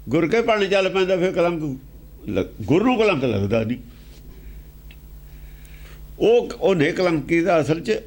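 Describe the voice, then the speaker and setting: Lively high-pitched man preaching a sermon. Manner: chants quoted verses slowly, then explains in rapid spoken commentary; rhetorical questions, repetitive emphatic phrasing. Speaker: preacher expounding scripture.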